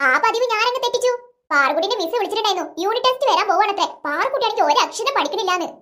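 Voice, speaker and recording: A performer voicing a strict, sharp-tongued mother in a cartoon, nagging and sarcastic toward her husband. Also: very high-pitched, lively intonation, rapid-fire, heavily acted. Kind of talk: cartoon voice acting.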